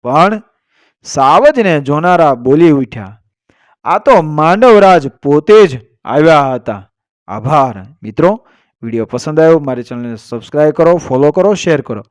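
Slow, measured male storyteller. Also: a little high, very animated, dry recording, studio quality. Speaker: storyteller and channel host. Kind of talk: folk tale narration.

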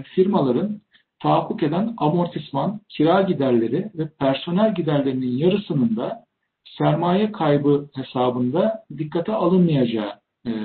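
Older man, higher-pitched, on phone-like line. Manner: formal, deliberate, with hesitant pauses. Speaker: tax expert presenting at a webinar. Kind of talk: explanatory slide presentation. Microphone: video call. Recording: thin, phone-like webinar audio.

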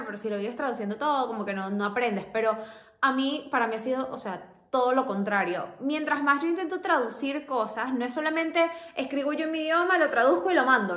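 A woman's voice: sits high, fairly bright tone. A young woman vlogger giving casual advice, chatting directly to the viewer. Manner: chatty, talks straight to the viewer. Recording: echoey room.

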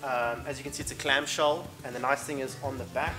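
A young South African man presents products in a relaxed, conversational style. He has a medium-pitched voice, and music plays clearly behind him. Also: brisk, low-quality recording. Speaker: shop staff presenting products. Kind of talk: casual product explanation. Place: warehouse indoors, off-camera mic.

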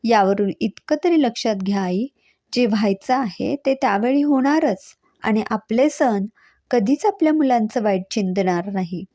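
A woman voicing an earnest young mother who reasons firmly and gently reproaches her elderly mother-in-law in a read-aloud story. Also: a little high, expressive, normal speed, no echo, highs cut off. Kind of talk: storybook reading.

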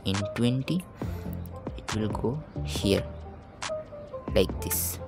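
A man giving a software tutorial voiceover, talking slowly, calmly and quietly in a halting way, close to the microphone. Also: fairly low pitch, vocal fry, loud music behind the voice. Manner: slow, calm, hushed talk; halting, thinking aloud while demonstrating. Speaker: tutorial host. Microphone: microphone held close to the mouth.

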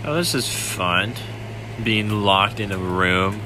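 Man, low-pitched, unhurried, casual game commentary, repeats himself, noisy background hum. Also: lively intonation. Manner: muttering questions to himself, repeating phrases. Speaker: gamer narrating gameplay.

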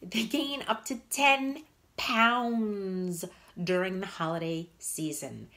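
A woman's voice: medium pitch, takes it slowly, bright, forceful tone. A woman in her fifties, a fitness and nutrition coach, giving blunt, emphatic motivational talk to viewers on a live stream. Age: 50s. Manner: blunt, emphatic, repeats points for punch.

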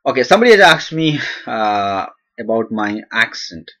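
A young analytics instructor with an Indian accent, not a native English speaker, answers viewer questions in a recorded slide lecture. His voice is on the low side and a bit bright, swinging widely in pitch at a moderate pace. He sounds hesitant, full of "uh" fillers and restarts.

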